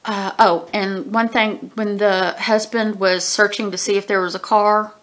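A woman in her forties reviews a book casually from a small room at home, chatty and rambling, with frequent ums, throat-clearing, and allergy sniffles. Her mid-range voice keeps fairly even intonation and a measured pace, captured by a webcam at desk distance.

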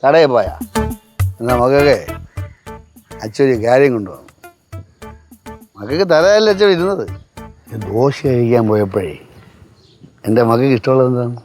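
A man's voice: medium pitch, animated, moderate pace, long pauses, a little mellow, faint music behind, natural voice. An actor playing a stubborn, drunk father who coaxes his daughter with doting baby talk. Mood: coaxing. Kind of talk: sitcom acting.

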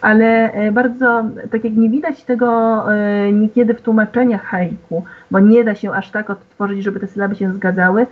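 Husky woman lecturing over thin call audio. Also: medium pitch, steady tone, normal speed, hardly any pauses. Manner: hesitant, many fillers; explains to the audience formally. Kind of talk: online lecture. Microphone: video call. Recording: tinny phone-like online call audio.

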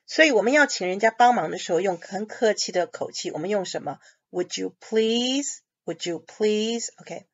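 A woman's voice: mid-range voice, animated, fast talker, few pauses, husky. A woman teaching an English reading class, patiently explaining words and phrases and mixing English words into her talk. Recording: dull lo-fi audio.

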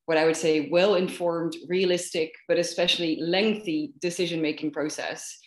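A woman historian giving a measured academic lecture over a group video call. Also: on the low side, steady tone, reverberant, poor audio. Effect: voice heard through a group video call. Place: at home in France.

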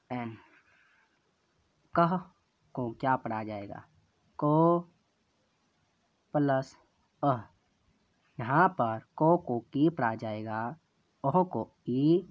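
Man teaching letters super slow, spells each sound out, dull lo-fi audio. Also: medium pitch, dry recording. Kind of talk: slow classroom explanation.

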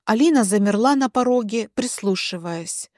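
A woman reading a scripted story aloud in a measured way. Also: fairly high pitch, lively intonation, a little mellow, no echo, clean studio sound. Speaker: narrator.

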